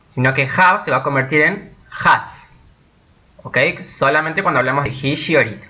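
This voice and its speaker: A man whose first language is Spanish teaching English grammar step by step, often checking in with his students and slowing down to stress each example sentence. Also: a little high, bright, forceful tone. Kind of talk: recorded grammar lesson. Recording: dull lo-fi recording.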